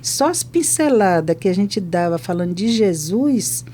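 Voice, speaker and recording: With a medium-pitched voice and a slightly slow pace, an older hospital chaplain from Brazil recounts testimony stories for a podcast. She brings them to life by performing both sides of every conversation, against slight background noise.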